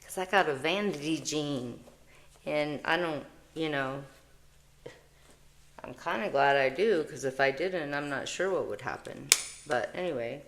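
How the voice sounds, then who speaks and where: Woman tarot reader, low voice, rambling emotional vlog chat full of restarts. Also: a little hiss or hum. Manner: rambling, emotional, self-interrupting; reads card text aloud slowly. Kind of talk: casual spiritual vlog chat.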